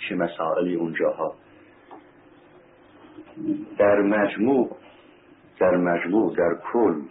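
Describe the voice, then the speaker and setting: A man preaching a sermon as a story, repeating phrases for emphasis, asking his listeners rhetorical questions and reciting Arabic scripture. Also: low-pitched. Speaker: religious preacher. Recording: tinny phone-like recording with faint hiss.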